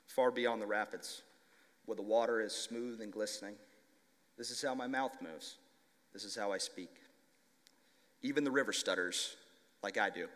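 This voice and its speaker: A young man who stutters, slowly reading a children's story aloud to a conference audience. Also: fairly low pitch, fairly bright tone. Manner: stutters, slow deliberate reading. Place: conference hall. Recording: long reverb of a large hall.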